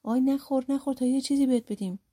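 A woman's voice: fairly high pitch, lively intonation, mellow, breathy edge. A woman narrator voicing a band of male demons from a well, pleading and urgent in a folk tale audiobook.

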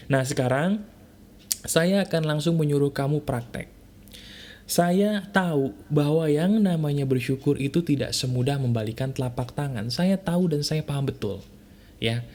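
A man with a mellow, warm voice gives a motivational talk straight to the listener. He speaks casually and directly, tossing out rhetorical questions and tag words. He hammers his key points home by saying them again. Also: on the high side. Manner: insistent, repeats key points.

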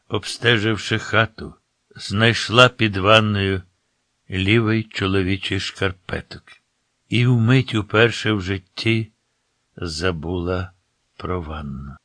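A man narrating a literary story as an audiobook, measured and unhurried, his phrase endings dropping soft. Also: lowish voice, no echo. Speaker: audiobook reader.

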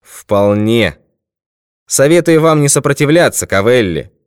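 Brief: male narrator as a steady detective, firm and commanding, lower than the other figures, dry close sound. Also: a little slow, clean tone, no echo, close to an everyday voice. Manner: firm and authoritative.

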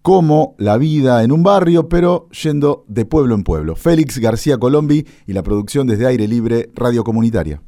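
Male promo voice, mellow and dry, dramatic pacing. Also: mid-range voice, lively intonation, normal speed, few pauses, no echo. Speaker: radio announcer. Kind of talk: scripted promo read.

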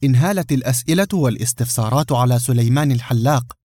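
A man narrating a novel as an audiobook, in a measured, expressive reading. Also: mid-range voice, slightly rough, no room sound, clean studio sound.

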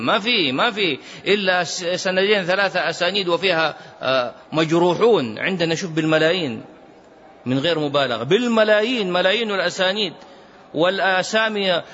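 A man with a fairly high, slightly bright voice teaches a classical text as a sheikh, lecturing emphatically and rising sharply when stirred. He chants Quranic verses in melodic recitation, captured on a dull lo-fi recording with faint noise.

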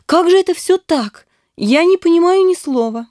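A woman's voice: very high voice, lively intonation, normal speed, darkish tone, dry recording, clean studio sound, voice pushed up. A woman reading an audiobook, voicing an eager, affectionate young woman with breathless exclamations. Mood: impatient.

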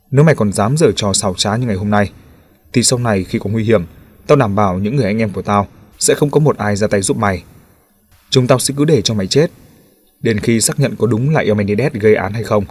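A man's voice: on the low side, fairly quick, slightly rough. A man voicing a stern police officer who talks down coldly and threateningly. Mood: cold threat. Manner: cold and threatening.

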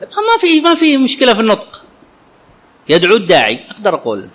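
A man teaching an Arabic grammar lesson, often asking his students whether it is clear and reciting quotations slowly. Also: high-pitched, wildly swooping pitch, fairly bright tone. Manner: questions students often, checks understanding; clears his throat now and then.

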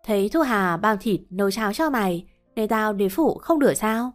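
A woman's voice: medium pitch, animated, moderate pace, soft background music, natural voice. A woman reading a teasing young male friend. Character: teasing, easygoing young man, the husband's friend.

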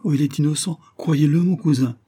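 A man's voice: on the low side, lively intonation, normal speed, warm tone, breathy edge. A man voicing an anxious young woman who pleads with a trembling urgency, in an audiobook reading. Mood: pleading.

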